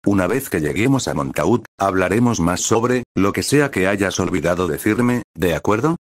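A man voicing an affectionate sea god in a fan story reading, speaking softly. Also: low-pitched, lively intonation, normal speed. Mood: tender. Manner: soft, affectionate. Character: god of the sea, fond husband.

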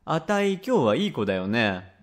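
In a rakugo tale, a man voices a cheeky little boy pestering his father for treats, wheedling and whiny. His natural voice is mid-range and very animated, at normal speed.

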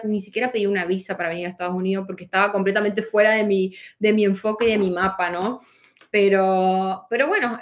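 A woman, a life coach answering viewer questions in a casual, reflective way, full of fillers and restarts. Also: medium pitch.

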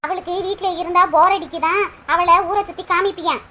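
A fretful mother from a cartoon, voiced by a performer, talking fast in an extremely high, squeaky voice. She nags and pleads with her grown son. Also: steady tone, sharp tone, slight background noise. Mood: nagging. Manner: pleading, nagging.

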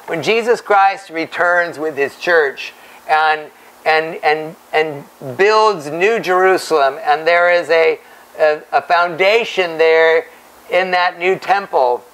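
Pastor in his fifties, gravelly voice, lively pulpit teaching, stand mic, small church stage. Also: on the high side, poor audio. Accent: Hawaiian-influenced American English. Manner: animated, gesturing, many restarts and repeated words. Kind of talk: verse-by-verse Bible teaching.

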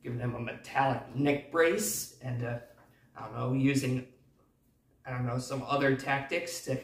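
A man's voice: medium pitch, fairly even intonation, normal speed. Man, casual movie recap, rambling, lots of fillers, distant mic, echoey room. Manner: rambling, hesitant, many fillers. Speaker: movie review host.

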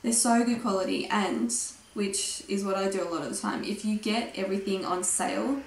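Young australian woman, gravelly voice, losing her voice, chatty, echoey room. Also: medium pitch, steady tone, a little fast, a little hiss or hum. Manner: chatty, gushing, says "like" and "literally" a lot. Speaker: vlogger. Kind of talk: casual try-on haul chat.

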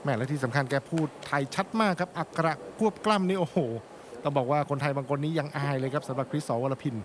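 A man's voice: on the high side, quick pace, a crowd in the background. A man giving live Muay Thai commentary as a co-commentator. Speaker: boxing co-commentator. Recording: loud music behind the voice. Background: loud music.

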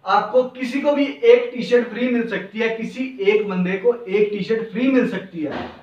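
A man's voice: high-pitched, moderate pace, a little mellow. A young man presenting T-shirts in a clothing shop, with an eager, repetitive salesman patter and a lapel mic. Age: young adult. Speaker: garment seller presenting stock. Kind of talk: product showcase sales pitch. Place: indoor clothing shop with hanging racks. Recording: roomy, dull, slightly distant.

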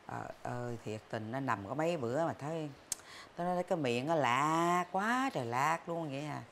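Brief: boastful sixties mother, Southern Vietnamese accent, low pitch, very lively intonation, sitcom. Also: normal speed, slight background noise. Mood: complaining. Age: 60s. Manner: chatty, exclaims often. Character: ailing elderly mother, chatty and boastful. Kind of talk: sitcom acting.

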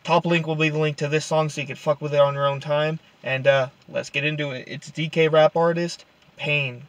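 A man's voice: a little high, level tone, brisk, a bit bright. A man hosting a reaction video, chatting casually and swearing offhandedly. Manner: laid-back, swears casually. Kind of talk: casual chat.

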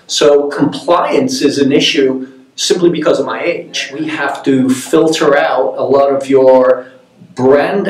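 A man in his fifties, a creative director, explaining his work in an interview with animated gestures. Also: medium pitch. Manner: animated hand gestures, measured explanatory delivery. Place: open-plan office, indoors. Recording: roomy office sound from a distance.

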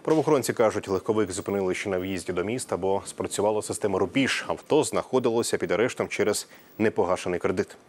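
A male news anchor reads scripted bulletins briskly in a low voice. He delivers them at a quick pace, recorded cleanly on a lapel mic in a studio. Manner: brisk, formal.

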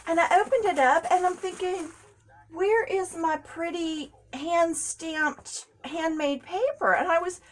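A woman, chatting casually and gushing as she unboxes craft supplies, laughing often. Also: high-pitched. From United States. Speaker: crafting vlogger.

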